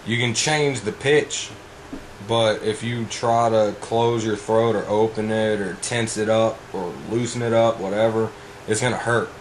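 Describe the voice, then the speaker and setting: A man's voice: on the low side, steady tone, a little slow, a little hiss or hum, rough recording. A man giving a casual, informal vocal tutorial as a coach, rambling and blunt with frequent swearing.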